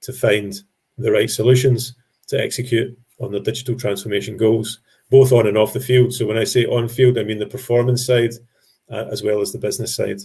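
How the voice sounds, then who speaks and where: A man giving an explanatory business presentation to an industry audience, speaking in a measured way with frequent ums and restarted phrases. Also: fairly low pitch, flat delivery, dark tone, breathy edge.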